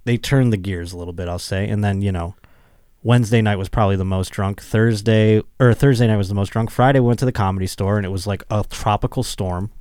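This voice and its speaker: A man's voice: fairly low pitch, fairly even intonation, quick pace, a little mellow, smooth, no room sound, studio quality. A young man hosting a podcast, chatting casually in a rambling, self-deprecating way and laughing often. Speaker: podcast host. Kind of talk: casual chat.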